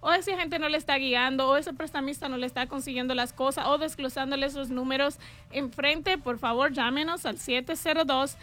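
A woman with a Caribbean Spanish accent giving advice and a call-in pitch on a radio show. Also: steady tone, brisk, sharp tone. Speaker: real estate show presenter.

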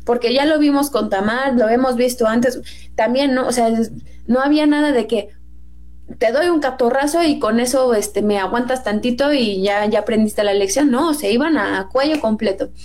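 A woman's voice: on the high side, normal speed, darkish tone. A Mexican woman with a Mexican Spanish accent in a casual Bible discussion, chatty and acting out quotes in a raised voice.

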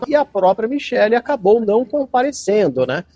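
A man's voice: high voice, sing-song, dark tone, no room sound. Man on a choppy, buffering video link. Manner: halting, with repeated restarts and fillers. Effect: choppy, cutting-out connection with buffering stutters. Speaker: political reporter. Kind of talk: live news report over a remote link. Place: remote location outside the studio. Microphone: remote video call link.

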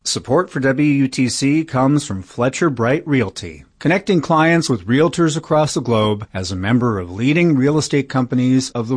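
Husky-toned man reading a sponsor spot. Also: medium pitch. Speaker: station sponsor announcer. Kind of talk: sponsor read.

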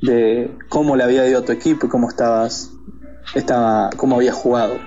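A man's voice: medium pitch, flat delivery, quick pace, warm tone. Hesitant Argentine man, muffled line. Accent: Argentine Spanish. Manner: hesitant, many filler "eh"s and restarts. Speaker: guest. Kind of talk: casual interview talk.

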